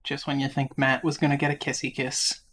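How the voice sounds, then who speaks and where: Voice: medium pitch, flat delivery, brisk, fairly bright tone, a little hiss or hum. A player giving casual gameplay commentary, offhand and often muttering while concentrating on the game. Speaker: video game streamer.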